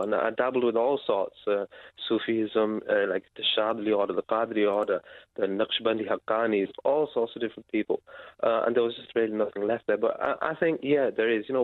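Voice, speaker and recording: A man calling in to a radio show, speaking haltingly with many fillers and pauses. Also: on the low side, dry recording. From Britain. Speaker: caller. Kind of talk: phone-in radio call. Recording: tinny phone line.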